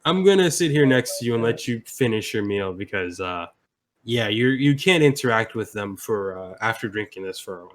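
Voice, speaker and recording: A man's voice: lowish voice, animated, normal speed. Casual man running a tabletop game. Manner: casual, swearing, laughing, with fillers. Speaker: game master.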